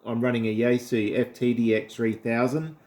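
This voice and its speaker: Speaking at a moderate pace, this Australian amateur radio operator keeps his medium-pitched voice level and somewhat dark. It's a casual ham radio chat, and he comes across friendly and full of compliments.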